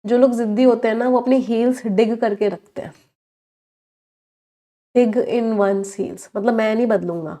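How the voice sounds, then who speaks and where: A woman with an Indian accent teaching English vocabulary in a live online exam-prep class, mixing Hindi and English, asking the class questions and drawing out each English word slowly. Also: a little high, steady tone, warm tone.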